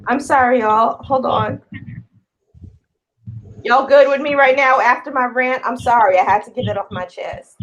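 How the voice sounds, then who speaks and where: A woman's voice: on the high side, normal speed, pauses often, a bit bright, dull audio. A woman hosting a casual online chat who talks in a blunt, profane, emphatic way. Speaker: host.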